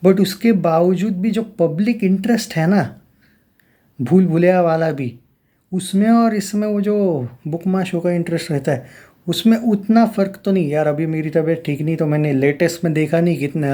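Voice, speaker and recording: A young man talks through film news in a loose, rambling way, stopping and restarting with plenty of fillers. His voice sits a little high but sounds mellow and soft. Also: moderate pace. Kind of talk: casual film commentary.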